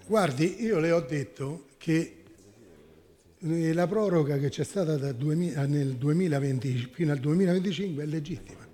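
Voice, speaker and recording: A man's voice: on the high side, normal speed, dark tone. A man speaking as a town councillor in a formal council debate, arguing and often correcting himself. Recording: echoey council chamber.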